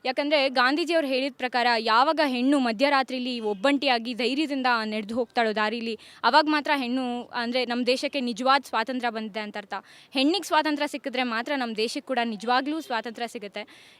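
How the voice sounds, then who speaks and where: A woman competing in a contest gives a sincere, informal speech, stumbling a bit as she starts and slipping in some English words. Her voice is high and somewhat bright, with no echo.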